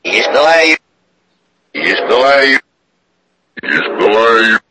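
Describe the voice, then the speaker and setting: A man's voice: mid-range voice, very animated, slow pace, bright, forceful tone, no echo, rough recording. A man's recorded speech played backwards as a short clip, repeated several times.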